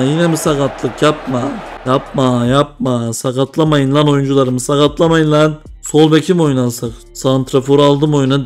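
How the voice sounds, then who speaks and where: A young man commentating a mobile football game, groaning at setbacks and cheering at goals as he talks to himself. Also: on the high side. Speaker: gaming video creator. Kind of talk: excited gameplay commentary.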